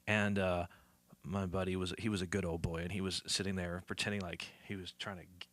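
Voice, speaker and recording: A man's voice: low-pitched, level tone, a little fast, fairly bright tone, a little hiss or hum. A male musician from the southern United States, telling rambling stories with lots of fillers. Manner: rambling, many fillers, acts out voices. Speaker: musician guest. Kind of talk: casual storytelling.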